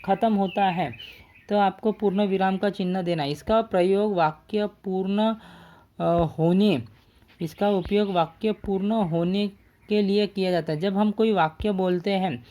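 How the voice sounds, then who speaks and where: Guy teaching a grammar class, soft warm voice, slow and patient. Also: sits high, fairly even intonation. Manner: patient, repeats points with "ठीक है". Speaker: Hindi teacher.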